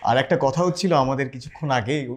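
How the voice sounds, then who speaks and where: A man's voice: medium pitch, fairly quick, a little hiss or hum. A man hosting a health podcast, thanking the guest and wrapping up the show in a friendly, casual way. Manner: friendly, promotional sign-off. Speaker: podcast host.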